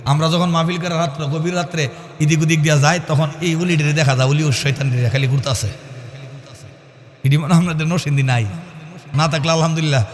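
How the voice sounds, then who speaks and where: High-voiced male preacher, chanting cadence. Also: steady tone, fairly quick. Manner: swings between loud sing-song chanting and low conversational asides. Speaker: Islamic preacher. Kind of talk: melodic sermon at a religious gathering. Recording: reverberant PA sound with faint music.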